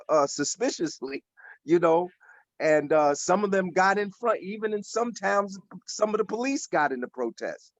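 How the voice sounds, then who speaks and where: A man's voice: high-pitched, dry recording. A man in his sixties speaking earnestly and emphatically in a casual discussion, often repeating words as he builds a point. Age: 60s. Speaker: panelist at an activist forum. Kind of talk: casual discussion on a video call. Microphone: video call. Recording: dull lo-fi video call audio.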